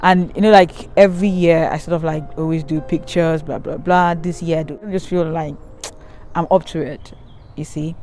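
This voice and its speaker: A young Cameroonian vlogger films herself outdoors by a river, holding a handheld camera at arm's length, and tells her channel a candid, rambling storytime full of ums and restarts. Her low voice has a steady tone, a normal speed and a slightly mellow quality, with faint music behind.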